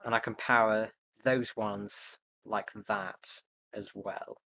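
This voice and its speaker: A man's voice: lowish voice, fairly even intonation, slow, creaky, sharp tone, slight background noise. A young man streaming live, thinking aloud as he builds, hesitant and muttering to himself with many fillers. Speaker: livestreamer.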